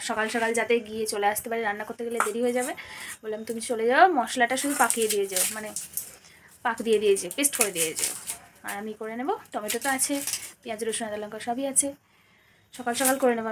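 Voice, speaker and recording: A young woman, talking casually through her evening at home in a vlog, her throat a little scratchy. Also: fairly high pitch. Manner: chatty, rambling and self-correcting. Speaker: vlogger.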